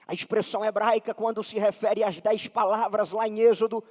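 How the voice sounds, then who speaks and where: A man with a Brazilian Portuguese accent preaching a sermon while fighting a slight cold, building with passion toward shouted lines. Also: high-pitched, little pitch movement, fairly quick. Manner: impassioned preaching, rising to shouts. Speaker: pastor. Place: large church hall. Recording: long echo of a church hall.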